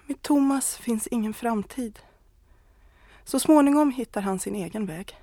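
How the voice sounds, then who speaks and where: A woman's voice: on the high side, dark tone, no echo. A woman voicing a married woman who confesses a love affair, earnest and pleading, close to tears. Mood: torn.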